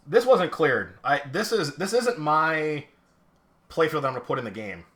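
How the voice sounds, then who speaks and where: Fairly high-pitched and a bit bright, this man is very animated yet speaks at normal speed. While streaming a pinball teardown with close-up shots of the playfield, he rambles casually, restarts constantly, leans on fillers, and pokes fun at himself.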